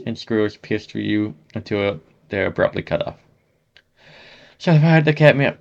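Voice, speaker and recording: Gravelly low-voiced man reading game text. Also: lo-fi sound. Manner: voices the sound effects aloud while reading. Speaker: gaming YouTuber.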